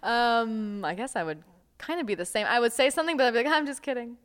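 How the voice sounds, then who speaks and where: A woman's voice: a little high, sing-song, fast, clear, resonant tone. A woman co-hosting a podcast in easygoing casual chat, explaining things at length with many "like" and "um" fillers. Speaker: podcast co-host.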